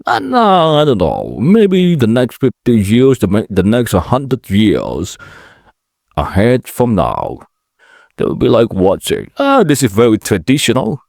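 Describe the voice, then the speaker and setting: Speaking Indonesian-accented English, a man in his late twenties from Indonesia hosts a rambling solo vlog podcast, chatty yet halting and self-correcting. His medium-pitched voice makes huge pitch swings, shows vocal fry, and sounds a little mellow. Recorded on a camera mic, it is clean and studio-like, with no echo.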